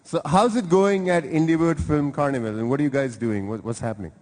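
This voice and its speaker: A man hosting a live event, joking and teasing his way through chats with the audience. His voice sits a little high, and the big hall around him rings with long reverb. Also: a little fast, a little mellow. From India. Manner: playful, teasing, chatty. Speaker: event host. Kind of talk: lively crowd interviews.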